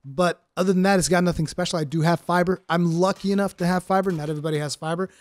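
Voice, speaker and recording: Speaking fast in a high-pitched, steady tone, a gaming streamer from Portugal shares his first take on a game. His English carries an American-sounding accent, there's no echo, and his casual review commentary is sprinkled with fillers.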